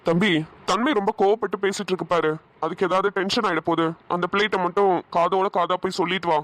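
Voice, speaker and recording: A man voicing a kindly father of grown sons in a cartoon, talking quickly and agreeably. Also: sits high, steady tone, fairly bright tone. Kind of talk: cartoon voice acting.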